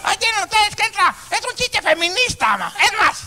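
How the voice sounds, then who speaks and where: Very high-pitched Mexican hack comedian, corny, chummy, slangy, loud music behind, TV sketch. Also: male voice, sing-song, brisk, heavily acted. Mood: corny joking. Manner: slangy, chummy, tags lines with "ma". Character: cheesy male stand-up comic, corny and chummy. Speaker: comedian character. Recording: TV studio with music.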